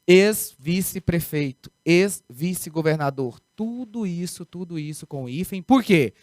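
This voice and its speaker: A man's voice: fairly high pitch, dry recording, clean studio sound. A man with a Brazilian Portuguese accent teaching grammar in a recorded video lesson, emphatic, repeating key words and asking rhetorical questions.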